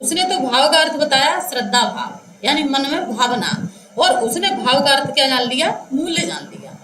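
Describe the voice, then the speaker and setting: A woman teacher giving a grammar lecture to students, talking slowly and repeating phrases word by word as she dictates, calling them children. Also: sits high, lively intonation, bright, forceful tone, echoey room, poor audio. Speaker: Hindi teacher. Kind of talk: classroom lecture explaining grammar.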